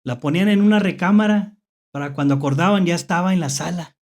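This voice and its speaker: Fast and a little mellow in a mid-range voice, a horror story host with a Mexican accent spins spooky tales without a script. The speech is hesitant, repeating phrases and checking in with rhetorical questions.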